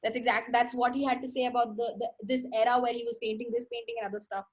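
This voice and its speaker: Young Indian-accented woman, high pitch, loose rambling livestream host who self-corrects. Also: level tone, quick pace. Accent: Indian English. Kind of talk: casual livestream talk on art history.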